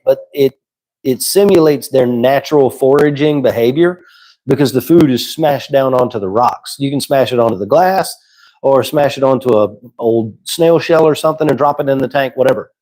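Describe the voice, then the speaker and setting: The audio is poor, carrying a medium-pitched male voice. He's a livestream host losing his voice, chatting in a relaxed, conversational manner and answering his viewers' questions.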